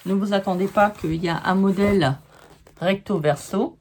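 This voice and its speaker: A woman's voice: medium pitch, moderate pace, darkish tone, slight background noise. A woman casually showing scrapbooking papers to viewers, chatting and giving frank opinions on each sheet. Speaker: scrapbooking vlogger. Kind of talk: casual show-and-tell of paper pads.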